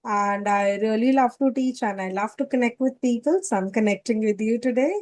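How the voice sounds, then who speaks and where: A woman in her thirties with an Indian accent, a coach telling her story in a relaxed conversation with soft laughs. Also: fairly high pitch, brisk. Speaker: English communication coach. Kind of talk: casual video-call conversation.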